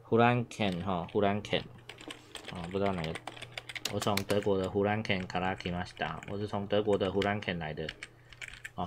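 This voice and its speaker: A man teaches a relaxed Japanese lesson, talking in a low voice. He rambles, repeats his points, fills gaps with little sounds and coughs from time to time. Steady noise and keyboard clicks run under his voice. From Taiwan. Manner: chatty, repeats himself, many filler sounds. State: coughing now and then. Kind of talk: casual language lesson.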